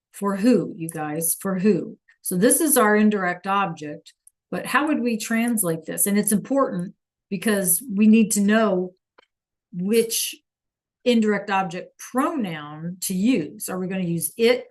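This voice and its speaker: A woman's voice: mid-range voice, a little mellow. A woman teaching a Spanish lesson online, patiently checking in with her students and praising answers from the chat.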